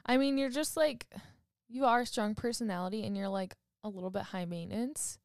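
A woman's voice: mid-range voice, steady tone, brisk, clear, resonant tone, dry recording, clean studio sound. A young woman co-hosting a casual chat with a friend, frank and laid-back, swearing now and then. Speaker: podcast co-host.

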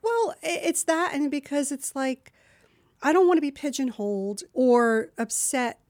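A woman's voice: sits high, lively intonation, measured pace, a little mellow, no room sound, studio quality. A woman from New Jersey, a voiceover artist chatting as an interview guest in a rambling way, full of asides. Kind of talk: casual interview chat.

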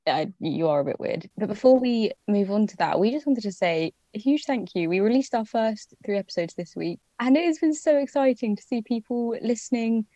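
A woman's voice: on the high side, expressive, a little fast, hardly any pauses, mellow, dry recording, dull audio. A young woman co-hosting a podcast in her morning voice, teasing and giggly. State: morning voice, just out of bed. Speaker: podcast co-host. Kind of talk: casual chat.

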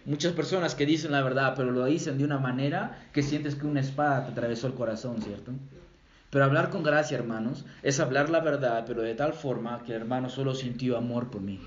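A man's voice: mid-range voice, fairly quick, slight background noise. A man preaching a sermon as a pastor, emphatic, repeating key phrases and checking with the congregation. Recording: roomy, dull lo-fi sound.

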